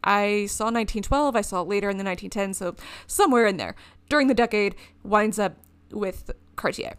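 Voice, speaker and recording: A woman's voice: medium pitch, a little fast, a bit bright, clean tone, no room sound. Chatty woman podcaster, dry sound. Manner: rambling, laughs often, reads from notes. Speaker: podcast co-host. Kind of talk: casual storytelling chat.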